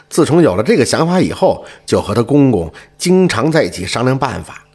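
A man telling a folk tale in an expressive, animated way, with dramatic rises and falls. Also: fairly low pitch, slightly rough. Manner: animated, expressive, rising and falling. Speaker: storyteller.

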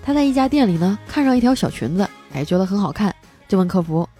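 A woman host spins comic everyday stories in a lively, chatty monologue. She draws out the little particles at the ends of her phrases. Faint music runs softly underneath. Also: medium pitch, fast.

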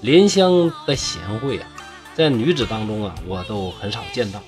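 A man narrating a classical ghost tale with a lively storytelling manner, stretching out his particles. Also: fairly low pitch, music in the background. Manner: lively, drawn-out sentence-final particles.

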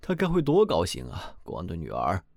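A man voicing a cheerful, foolish young simpleton in a storybook reading, loud and carefree. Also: deep voice, huge pitch swings, brisk, no echo, clean studio sound, pitched below the performer's own voice, full character voice. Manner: boisterous, carefree.

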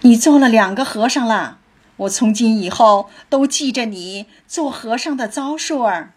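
A woman's voice: a little high, measured pace, husky. A woman doing a teasing young noblewoman. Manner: playful, teasing.

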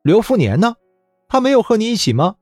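A man voicing an eager, cheerful young man in an audio novel, talking higher and brighter than his narration. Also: very animated, normal speed, dry recording, studio quality, faint music behind.

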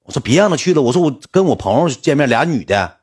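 A woman's voice: very deep voice, very animated, fast, a little mellow, husky, pitched above the performer's own voice, full character voice. A man voicing a fussy older-sister boss who nags and scolds with worried warnings. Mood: nagging.

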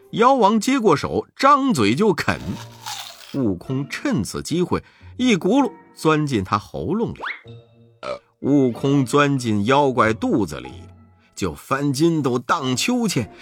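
A man narrating a children's story in a slow, expressive storytelling manner. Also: medium pitch.

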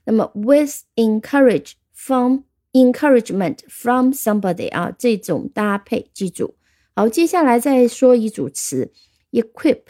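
A woman's voice: a little high, big pitch swings, measured pace, dark tone. A woman teaching English vocabulary, patiently explaining and spelling words out letter by letter, with frequent fillers. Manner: frequent fillers, switches between Chinese and English. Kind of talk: spoken vocabulary lesson.

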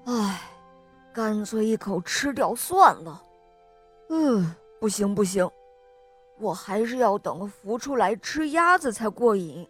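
A woman's voice: mid-range voice, big pitch swings, slow, slightly rough, soft background music, voice pushed down, full character voice. A woman voicing a greedy, easily flustered male fox in a children's storybook, stammering and grumbling. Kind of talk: storybook reading.

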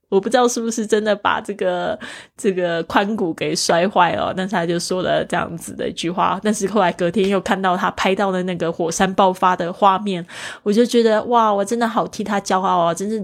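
A woman's voice: lowish voice, creaky. Patient bilingual woman teaching vocabulary. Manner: explains patiently, spells out words letter by letter. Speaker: English teacher and podcast host.

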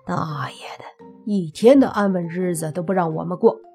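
A woman's voice: on the low side, moderate pace, warm tone, soft background music, natural voice. A woman voicing an exasperated young man, the restless hero of an audiobook, with blunt, grumbling talk.

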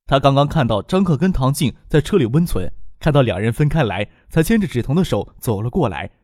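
A man narrating a novel as an audiobook narrator, with expressive storytelling. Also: medium pitch, a little fast, no echo, studio quality.

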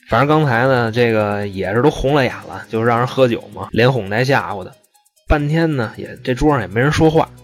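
A man telling a true-crime story in a casual, slangy, profane way. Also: medium pitch.

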